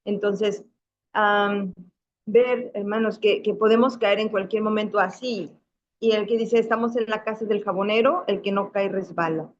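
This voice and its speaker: A woman's voice: medium pitch, steady tone, moderate pace, slight background noise. A middle-aged woman, a religious sister, teaching a Bible class in a chatty, anecdotal way, full of restarts and tag questions. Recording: dull, muffled lo-fi sound.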